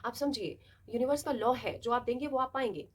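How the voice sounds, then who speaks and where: A young adult woman with a slightly high, breathy voice talks a little fast while hosting a self-help video. Speaking casually and expressively to camera, she acts out little scenes to explain her motivational points.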